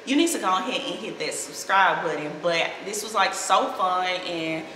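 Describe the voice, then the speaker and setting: Female vlogger, St. Louis accent, lowish voice, playful slangy chat, echoey living room. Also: normal speed, sharp tone. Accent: St. Louis American. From St. Louis, Missouri, USA. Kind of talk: casual chat to camera. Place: small indoor living room, seated on sofa. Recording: echoey, reverberant room with clear noise.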